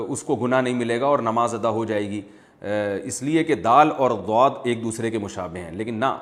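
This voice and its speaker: Brief: male religious scholar, steady lecturing delivery, explains rulings patiently, mid-pitched voice. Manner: measured, explanatory, teacherly. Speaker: Islamic scholar answering viewer questions.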